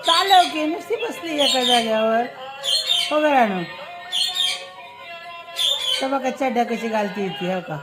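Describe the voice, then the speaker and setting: A woman's voice: on the high side, lively intonation, a little slow, long pauses, loud music behind the voice. A mother talking playfully with her toddler at home, coaxing and teasing her in a sing-song way. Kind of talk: casual talk with a toddler at home.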